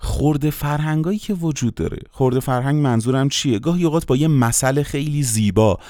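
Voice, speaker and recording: A man teaching a lesson on dialects and accents to voice actors, explaining in a lively, teacherly way and asking rhetorical questions. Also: lowish voice, no echo, clean studio sound. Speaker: voice-acting teacher.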